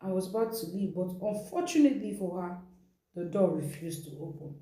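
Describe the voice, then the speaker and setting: Speaking with a Nigerian accent, this woman plays host as she retells someone's story dramatically, hammering her points and repeating phrases for effect. Her voice is lowish and warm, brisk, with lively intonation. The recording has the echo of a reverberant room.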